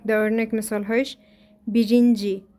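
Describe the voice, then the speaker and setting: A woman with an Afghan Dari accent teaching a language lesson from a textbook. She reads each example aloud and then explains it slowly, step by step. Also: fairly high pitch, a little mellow.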